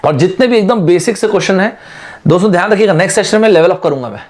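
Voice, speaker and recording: A male teacher gives an online exam-prep lesson in a fairly high voice. He talks to his students in a chatty, friendly way and mixes English terms into his explanations. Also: animated, very fast. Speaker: aptitude teacher.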